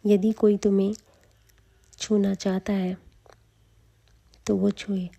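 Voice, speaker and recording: A young male dragon slayer, shaken and resentful, read by a woman narrating a story recap. The lines come slowly in a dark, mellow voice with little rise and fall. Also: mid-range voice, little pitch movement, vocal fry. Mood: upset.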